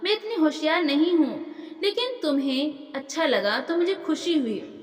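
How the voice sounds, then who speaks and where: A woman's voice: sits high, lively intonation, moderate pace, pitched above the performer's own voice. Woman voicing a meek young village wife. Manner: meek, soft-spoken. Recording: roomy echo with long reverb.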